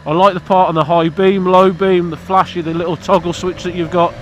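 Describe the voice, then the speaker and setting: This high-voiced British man speaks a little fast with a flat delivery, over slight background noise. He's a motorcycle vlogger outdoors, stuffy from hay fever, rambling bluntly and cheekily to camera about his motorbike.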